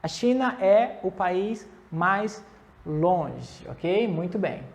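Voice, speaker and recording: A Brazilian woman teaching English comparisons. She says the English examples slowly, then explains quickly in Portuguese. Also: on the low side, lively intonation, a little mellow. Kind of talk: classroom lesson.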